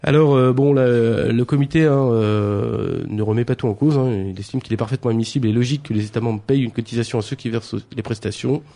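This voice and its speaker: A man's voice: mid-range voice, fast talker, creaky, hardly any pauses, dark tone. A man presenting a radio press review, hesitant, with many fillers and restarts. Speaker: news columnist.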